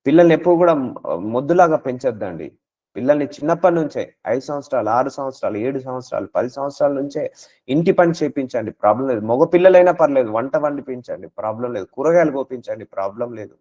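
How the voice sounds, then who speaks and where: Man, preacher, mid-pitched voice, exhorting sermon, rhetorical questions, muffled lo-fi recording. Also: expressive, quick pace, warm tone. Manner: exhorting, rhetorical questions, mixes English words.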